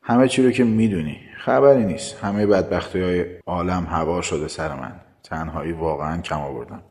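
A man doing a sweet, pleading young woman. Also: low voice. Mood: weary. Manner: soft, sweet and coaxing.

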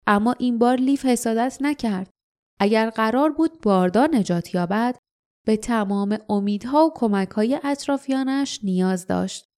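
A woman narrating an audiobook in a steady storytelling read. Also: fairly high pitch.

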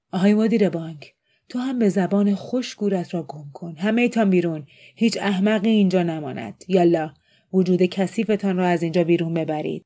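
A woman voicing a rude drunken masked man who mocks and orders people about in a loud, scornful way, in an audiobook reading. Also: on the low side, close to an everyday voice.

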